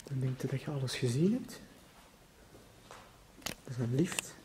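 A man with a Flemish accent narrating an exploration vlog through an abandoned factory, talking in a hushed voice that often drops to a whisper. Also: mid-range voice, animated, a little slow. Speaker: urban explorer vlogger. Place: abandoned factory, large empty halls indoors. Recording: noisy handheld camera audio.

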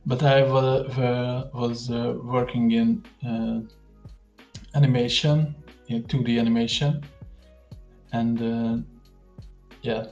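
A young man from Hungary with a Hungarian accent, a guest speaking over a headset on a video call, pausing often and filling gaps with "uh". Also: medium pitch, flat delivery, a little mellow, reverberant, dull audio, soft background music. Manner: hesitant, many pauses and fillers. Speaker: guest 3D artist. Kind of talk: livestream video call interview.

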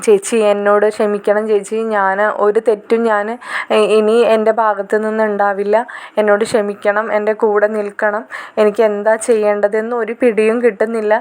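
A woman's voice: medium pitch, level tone, normal speed, a little mellow, clear, resonant tone, close to an everyday voice. A woman voicing a frightened teenage girl who begs her older sister for help. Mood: pleading. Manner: begging, pleading.

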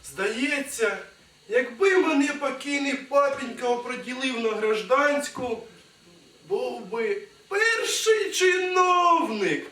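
Schoolboy playing a pompous shouting would-be nobleman; high, lively voice, echoey school hall from afar. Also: slow, full character voice. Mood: musing. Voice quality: blustering, indignant shouting. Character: pompous blustering rural would-be nobleman, older. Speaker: student actor. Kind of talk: school stage play. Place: school stage. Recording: echoey hall, mic far off.

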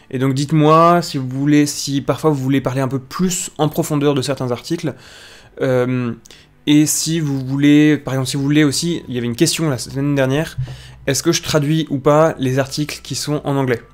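A man hosting a casual morning live stream on news, just waking up and talking with many hesitations and restarts. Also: mid-range voice. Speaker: livestream host.

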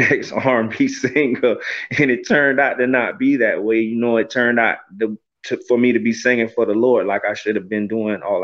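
A fairly low-pitched man in his thirties, a gospel recording artist from Florida, USA, guests on a video call interview from a small room. He talks in an earnest, reflective way, leaning on "you know," through a close-framed webcam with slightly dull lo-fi sound.

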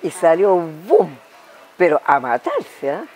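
A woman in her nineties with a Chilean accent tells stories as a guest on a talk show. Her voice sits low for a woman. She is animated and drops little spoken sound effects into her tales. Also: normal speed, low-quality recording. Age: 90s. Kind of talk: anecdotal interview talk.

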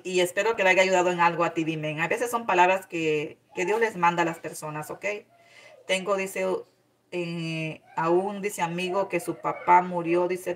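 A woman's voice: fairly low pitch, a little hiss or hum. Affectionate woman chatting with her live viewers. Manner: affectionate, calls viewers endearments, reads comments aloud. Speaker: cooking channel host reading live chat. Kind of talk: casual live-stream chat.

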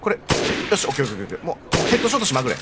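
A man commentating his gameplay, joking and yelling at characters on screen. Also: mid-range voice, rapid-fire, heavy background noise. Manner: animated, joking, talks back at the screen. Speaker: let's play streamer. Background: game music.

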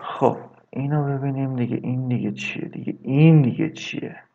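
A man teaching English vocabulary in a casual lesson, drawing words out slowly and adding chatty asides. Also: medium pitch, fairly even intonation, creaky, dark tone, highs cut off. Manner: slow, drawn-out repetition of words, chatty asides.

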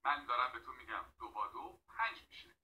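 A man's voice: medium pitch, animated, bright, forceful tone, rough recording. An actor playing a domineering male teacher who barks orders and drills his class in a film drama. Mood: stern. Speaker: strict schoolteacher.

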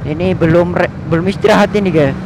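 A young man chatting and joking as he rides a motorbike on a highway, talking to viewers in casual slang. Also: fast. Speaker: motovlogger. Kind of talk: casual riding commentary. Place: riding a motorbike on a highway outdoors. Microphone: helmet or bike camera mic. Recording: loud wind and traffic noise. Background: engine and traffic noise.

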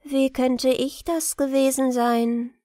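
A woman's voice: high voice, slow, no room sound, clean studio sound, pitched above the performer's own voice. A woman playing a timid dwarf jester. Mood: flat, evasive. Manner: flat, hesitant. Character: timid crippled male court jester dwarf.

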